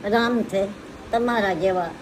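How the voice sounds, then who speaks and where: Slow, pleading older woman. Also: mid-range voice, a little hiss or hum, rough recording. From Gujarat, India. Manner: hesitant, pleading.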